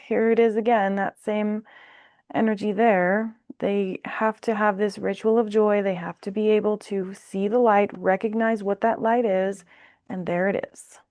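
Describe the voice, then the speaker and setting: A woman's voice: mid-range voice, a little mellow, no echo, studio quality. A woman doing a casual tarot reading, thinking aloud in a blunt, exasperated way. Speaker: tarot reader.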